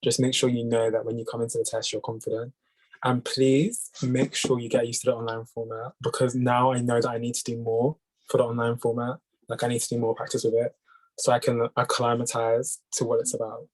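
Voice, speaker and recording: A young man in his late teens talks casually over a video call. He rambles through advice in a reassuring way, full of fillers. His voice sits at a middling pitch. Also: completely flat delivery, brisk, rough recording. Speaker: host.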